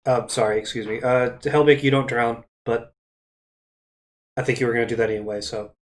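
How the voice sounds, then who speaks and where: A man's voice: medium pitch, fairly even intonation, brisk, a little hiss or hum. A man running a tabletop game as dungeon master, rambling and punning and often correcting himself. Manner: rambling, punny, self-correcting.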